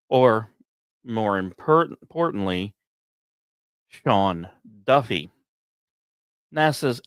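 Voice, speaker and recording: A medium-pitched man hosting a podcast reads scripted narration in a measured, dramatic storytelling style, now and then slipping in conversational asides. The recording has no echo.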